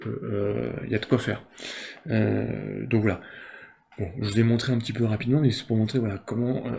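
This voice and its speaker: A man's voice: mid-range voice, gravelly, dark tone, a little hiss or hum. A man hosting a casual board game unboxing video, talking in a rambling way with many fillers and restarts.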